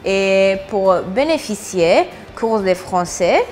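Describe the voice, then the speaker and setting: A woman's voice: medium pitch, animated, slow pace, darkish tone, soft background music. A woman in her twenties from Poland with a Polish accent, speaking simple non-native phrasing as an apprentice cook. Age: 20s.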